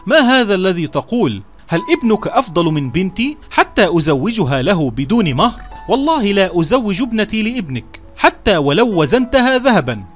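A man's voice: on the high side, sing-song, moderate pace, faint music behind. A man voicing Shams al-Din, a proud, hot-tempered vizier. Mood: angry. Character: proud elder vizier brother, quick to anger.

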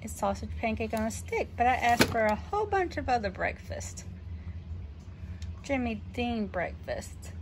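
A woman showing off her groceries in a casual home vlog, chatty and unhurried, with frequent ums. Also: fairly high pitch, very animated, noisy background. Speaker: vlogger, mother. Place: home kitchen.

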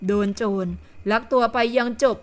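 A woman narrating an audio novel in a steady storytelling manner. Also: moderate pace. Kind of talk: scripted narration.

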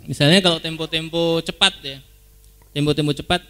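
A man's voice: fairly high pitch, steady tone, brisk, pushed and bright. A man, a musician on stage, explaining music patiently in a casual way with dry jokes. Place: stage at a live religious gathering.

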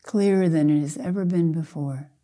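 Guiding a meditation, an older female Zen teacher speaks softly and gently in a low-sitting voice. Her phrases are short and measured, with long pauses between them.

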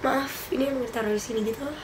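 This young vlogger talks fast in a high voice during a casual Q&A, her nose a little stuffy from a cold. Giggly and animated with her hand gestures, she sits indoors in a small bedroom while a noisy background plays behind her.

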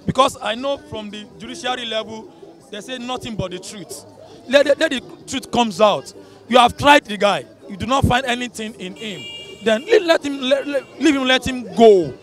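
Young Nigerian man, very high voice, earnest and halting, street vox pop. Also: fairly bright tone, soft background music. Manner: pleading, stumbles and repeats words. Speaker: passer-by in street interview. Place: busy city street outdoors. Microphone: handheld mic held by interviewer.

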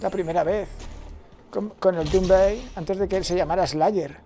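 A man, a let's play streamer giving excitable gameplay commentary and talking to himself. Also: sits high, normal speed, a little hiss or hum. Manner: excitable, swears freely, talks to himself.

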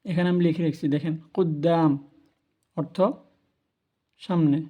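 A man talks through a language lesson at an unhurried, careful pace, repeating each word so learners can follow. His voice sits high for a man yet sounds mellow and soft-edged, and he keeps the tone patient and instructive throughout. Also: fairly even intonation. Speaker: language teacher. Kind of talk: spoken lesson on Arabic pronunciation.

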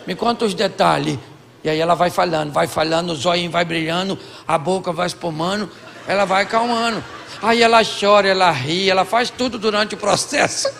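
A man's voice: high voice, brisk, vocal fry, a bit bright, long reverb tail. A Brazilian man preaching a comic sermon on marriage to a live congregation, acting out both partners in couples' dialogues. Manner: acts out both sides of couples' dialogues, jokey. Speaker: pastor. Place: large church hall with audience.

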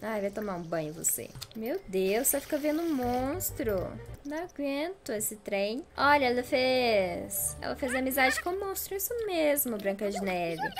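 A woman giving casual gameplay commentary, chatty and exclamatory, talking straight to her viewers. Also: fairly high pitch. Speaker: gameplay YouTuber.

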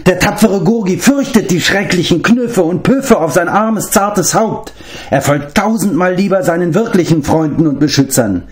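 A man's voice: high-pitched, expressive, normal speed, pitched above the performer's own voice. A man reading an audiobook, voicing a servile, self-pitying male beast-man who whines and speaks of himself in the third person. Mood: whining.

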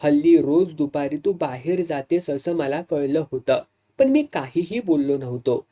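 A woman's voice: low-pitched, expressive, measured pace, dark tone. A woman voicing an angry, demanding younger brother in a read-aloud story. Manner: harsh, demanding.

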